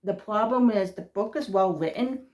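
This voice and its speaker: With a medium pitch, moderate pace and darkish tone, a spiritual vlogger chats in a rambling, casual way. Her Massachusetts accent is thick, and she often lets sentences fade before restarting her words.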